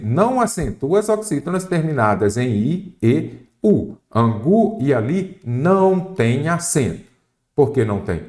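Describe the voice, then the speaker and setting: A Brazilian man teaches an exam-prep grammar lesson, and his voice rises and falls a great deal as he explains. He sits in the middle of the male pitch range. He talks with energy, asks his own questions and answers them at once. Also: darkish tone. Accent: Brazilian Portuguese. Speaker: Portuguese teacher.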